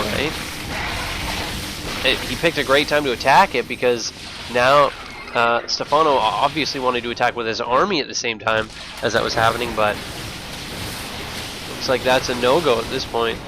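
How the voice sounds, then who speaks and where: A man with a lisp and slushy s sounds, giving excitable live esports commentary and thinking aloud. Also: medium pitch, normal speed, pauses often, noisy background. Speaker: esports shoutcaster. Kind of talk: live StarCraft match commentary.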